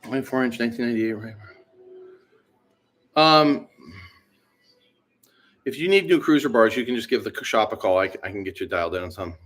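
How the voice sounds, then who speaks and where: A man's voice: mid-range voice, normal speed, pauses often, a bit bright. Laid-back slangy man chatting on a livestream. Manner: laid-back, rambling, slangy with many fillers. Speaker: BMX shop owner hosting a livestream. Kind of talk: casual livestream chat, answering viewers.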